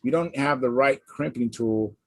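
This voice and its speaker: A man hosting a casual live hangout, chatting in a halting, conversational way and reading out comments. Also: medium pitch, dry recording. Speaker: host of a hobby livestream hangout. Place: live online video hangout.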